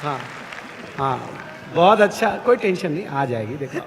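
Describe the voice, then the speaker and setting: A man's voice: a little high, very animated, moderate pace, heavy background noise. A man doing comic stage banter into a microphone, his voice echoing around a big hall like a cave. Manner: joking, teasing the crowd and sound crew. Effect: echoing PA sound in a big hall, like a cave. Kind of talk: live stage banter with audience. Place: large indoor hall with PA. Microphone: stage microphone through PA. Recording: long echoing hall reverb.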